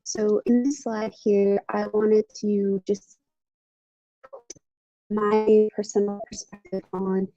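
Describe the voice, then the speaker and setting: A woman's voice: mid-range voice, flat delivery, slow pace, pauses often, mellow, lo-fi sound, faint music behind. A woman presenting at an online panel over a video call, her audio glitchy and cutting out, hesitant with many fillers. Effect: corrupted glitchy audio cutting out. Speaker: conference presenter.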